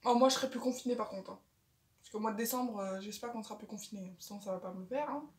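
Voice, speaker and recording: A woman's voice: medium pitch, fast talker. A seventeen-year-old girl hosting a casual video chat at home, bossy and chatty with her little brother. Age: teens. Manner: chatty, bossy big sister. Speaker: youtuber. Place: home, indoors. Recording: echoey room, voice from a distance.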